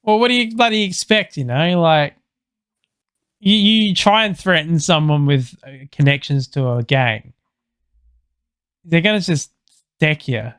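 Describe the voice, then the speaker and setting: An Australian man chatting casually as a podcast co-host, his voice a bit higher than most men's. He rambles through stories, swears freely and laughs often. The sound is dry and close. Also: a little slow, pauses often, fairly bright tone, smooth, no room sound. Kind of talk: casual chat, storytelling.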